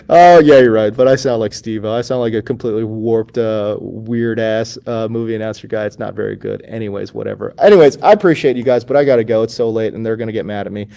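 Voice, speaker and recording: A man hosting a fantasy football advice show in a casual question-and-answer style. He is excitable and slangy, and he swings between loud outbursts and mumbled asides. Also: on the low side, fairly quick, gravelly.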